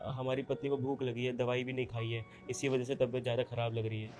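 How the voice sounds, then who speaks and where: Poor young villager, humble and pleading, played by a man; flat delivery, soft music bed. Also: mid-range voice, fast, lightly acted. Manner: humble, pleading, rustic speech. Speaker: runaway husband from a village. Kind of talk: scripted short drama.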